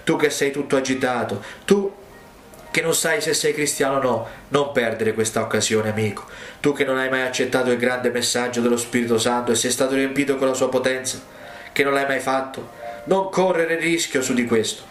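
A man's voice: medium pitch, fairly even intonation, normal speed, fairly bright tone, echoey room, faint music behind. Man pleading at a revival altar call. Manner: pleading, urgent exhortation. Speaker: preacher.

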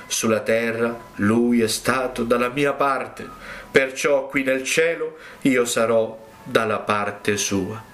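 A male preacher quoting a gentle savior who defends a sinner, speaking softly and slowly. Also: medium pitch, slight background noise. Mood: tender. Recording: roomy echo.

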